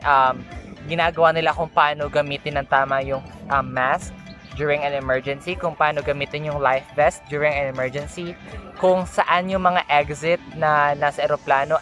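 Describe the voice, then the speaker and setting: This young tourism student with a Filipino accent is rehearsing flight attendant announcements and chatting as an amateur vlogger, delivering carefully and formally but stumbling and redoing lines. The voice is medium-pitched and a bit bright, with background music and an occasionally barking dog.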